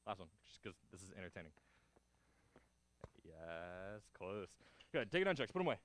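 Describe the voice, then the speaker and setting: A man's voice: sits low, big pitch swings, moderate pace, a bit bright. A man instructing a martial arts class, giving short clipped counts and cues along with encouraging feedback as he demonstrates moves.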